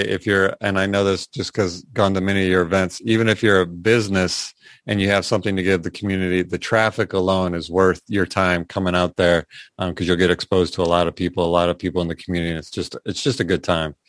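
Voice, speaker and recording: A man's voice: deep voice, flat delivery, quick pace, a bit bright, no echo. A man hosting a weekly community radio show, chatting casually and laughing easily with his guests.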